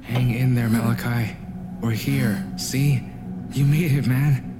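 A woman playing a steady companion who urges on and reassures a wounded friend in an audio drama. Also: very deep voice, takes it slowly, loud music behind the voice. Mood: reassuring. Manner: urging, reassuring. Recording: noisy ambience behind.

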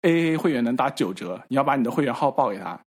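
A man on a podcast, casually telling a story in halting repeats and acting out the quoted dialogue. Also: medium pitch, lively intonation, breathy edge. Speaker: podcast regular. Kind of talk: casual chat.

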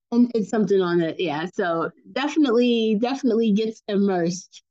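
Laughing, animated mother telling stories. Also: medium pitch, moderate pace, dull audio. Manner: animated, laughing storyteller who acts out quotes in a raised voice. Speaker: podcast guest, mother. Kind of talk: casual family chat.

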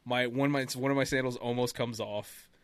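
A man chatting casually on a podcast call, telling an animated story and laughing as he talks. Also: medium pitch, a little fast, clear, resonant tone, no room sound. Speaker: podcast co-host. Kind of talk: casual chat.

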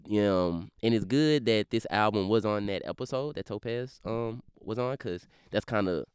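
A young man from Baton Rouge with a Louisiana accent, talking fast in a slurred drawl full of fillers as an interview guest. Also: on the low side, clear, resonant tone, no room sound, studio quality. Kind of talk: casual interview talk.

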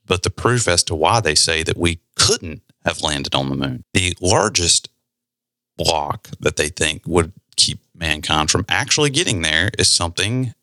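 A man hosting a podcast, explaining a topic in a relaxed, conversational way with side remarks. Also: sits low, dry recording, studio quality. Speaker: podcast host. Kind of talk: casual explanatory talk.

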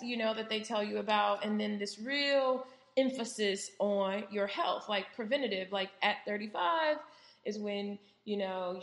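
A woman's voice: medium pitch, fairly bright tone. A woman, hosting a solo podcast in a candid, chatty way with many fillers and asides. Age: 30s. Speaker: podcast host. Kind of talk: casual solo podcast monologue. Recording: roomy echo.

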